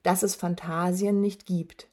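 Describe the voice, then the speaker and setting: A woman's voice: fairly low pitch, little pitch movement, unhurried, dark tone. A woman voicing a huge, dying male werewolf who taunts with a rattling, wheezing voice. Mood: gloating menace. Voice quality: rattling, rasping voice. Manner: taunting, gloating. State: wheezing, labored breath.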